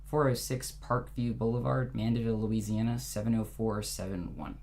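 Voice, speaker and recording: A man in his twenties speaking hesitantly as a caller, with frequent ums and pauses. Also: lowish voice, vocal fry, darkish tone. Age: 20s. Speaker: caller booking an appointment. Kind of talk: hesitant phone conversation. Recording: noisy hum on phone call.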